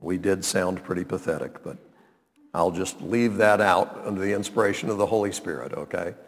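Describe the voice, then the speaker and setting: A man preaching a sermon as pastor, talking conversationally with drawn-out phrasing and frequent check-ins with the congregation. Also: low voice. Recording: long hall reverb.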